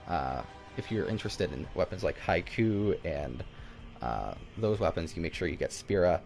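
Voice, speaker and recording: A gaming YouTuber with a low, creaky, slightly mellow voice gives casual commentary on a video game. He rambles along, often stumbling and repeating himself.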